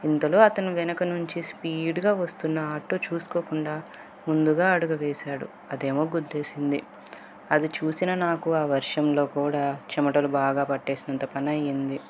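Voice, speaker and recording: A woman narrating a first-person love story in a calm, measured storytelling voice. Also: low-pitched, slight background noise.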